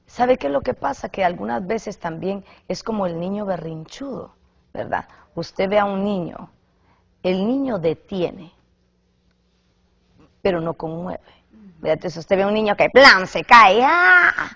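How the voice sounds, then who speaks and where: Husky creaky-voiced woman preaching. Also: medium pitch, expressive, unhurried, fairly bright tone. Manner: emphatic, repeats words for stress. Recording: slightly muffled lo-fi recording.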